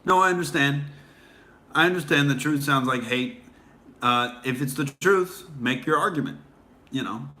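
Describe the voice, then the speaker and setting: A livestream host with a slightly high, sharp-toned voice speaks at a moderate pace. He rambles casually while answering viewer comments, filling his talk with fillers and restarts.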